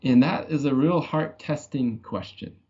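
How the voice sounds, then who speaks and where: A man's voice: mid-range voice, a little slow, dark tone. A male guest speaking in a conversational podcast interview, earnest and reflective, working through hypothetical questions. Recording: dull lo-fi audio.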